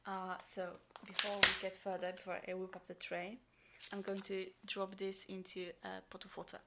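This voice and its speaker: A woman vlogger unboxing and reviewing a military ration in casual talk, full of ums and sometimes dropping into a soft whisper. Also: medium pitch, little pitch movement, moderate pace, very noisy. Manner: chatty, frequent ums, drops into soft whispers. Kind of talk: casual unboxing and taste test.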